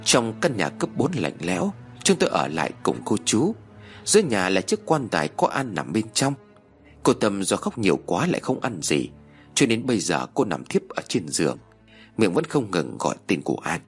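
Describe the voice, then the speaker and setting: A man narrating a first-person horror story in a measured, somber way. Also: fairly low pitch, wildly swooping pitch, husky, faint music behind.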